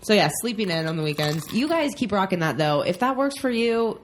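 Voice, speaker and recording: A woman's voice: medium pitch, very animated, fairly quick, slight background noise. A woman in her thirties co-hosting a casual relationship podcast from home, chatty and rambling with frequent ums. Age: 30s. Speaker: podcast co-host.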